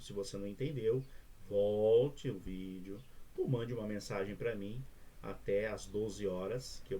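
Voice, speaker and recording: A man's voice: on the low side, mellow, slight background noise. A male teacher with a Brazilian Portuguese accent giving a recorded remote lesson, explaining step by step and often checking in with the students.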